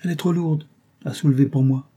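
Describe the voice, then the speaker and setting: Man putting on a worried young wife, quiet pleading voice, dark and a bit breathy. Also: a little high, fairly even intonation, a little fast, voice pushed up.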